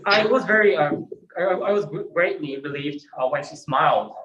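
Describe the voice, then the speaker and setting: Buddhist minister, male, fairly high voice, reflective dharma talk, echoey temple room. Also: expressive, moderate pace, a bit bright, muffled recording. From Japan. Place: temple hall. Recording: roomy temple hall echo.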